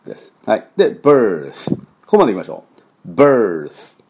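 A man teaching English pronunciation in a relaxed, chatty way with many fillers, coaching learners to repeat after him. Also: lowish voice, slight background noise. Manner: coaching learners to repeat, demonstrating sounds slowly. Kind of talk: pronunciation lesson.

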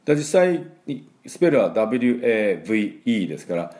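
A Japanese-speaking man teaching English pronunciation, repeating each sound slowly for learners and filling pauses with "um" and "well". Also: lowish voice, big pitch swings, mellow. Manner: frequent fillers "えー" and "まあ". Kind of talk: pronunciation lesson.

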